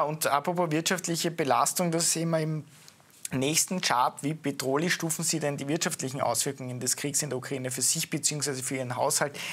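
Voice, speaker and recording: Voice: medium pitch, fairly bright tone. A TV host, reading out survey results and turning to the guest expert with questions. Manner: reads out figures crisply, then poses questions to the guest. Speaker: TV host presenting poll results. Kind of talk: presenting figures on TV. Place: TV studio.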